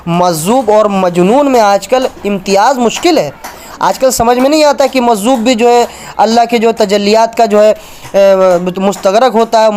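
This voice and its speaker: Casting: high-pitched man, polemical preacher reading from books, faint room hiss. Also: a little mellow. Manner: argumentative, points at book pages for viewers. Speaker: religious speaker.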